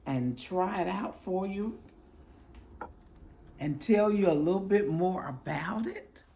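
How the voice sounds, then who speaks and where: Speaking slowly in a low register, a woman chats through a product review at home, her voice hoarse and crackling after a recent illness. She's affectionate and chatty, with lively intonation and warm, devout greetings.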